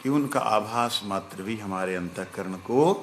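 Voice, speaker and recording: A man giving a slow, reflective devotional talk as a spiritual teacher, now and then breaking into chanted verses. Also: lowish voice, noisy background. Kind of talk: devotional discourse.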